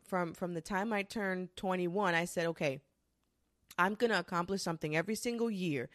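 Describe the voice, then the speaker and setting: A woman in her twenties talking casually and candidly to the camera, swearing freely and rushing through quick bursts. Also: on the low side, no room sound, studio quality. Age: 20s. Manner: candid and profane, with frequent restarts and quick bursts. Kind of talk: casual confessional monologue.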